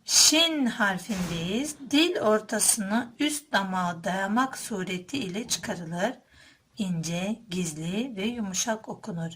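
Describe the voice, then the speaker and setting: A woman teacher speaking very slowly and deliberately. She explains each letter in a calm, mid-pitched voice. Then she sounds every letter out twice, louder and drawn out. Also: slight background noise. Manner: calm explanatory tone, addresses listeners as dear friends. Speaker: Quran reading teacher.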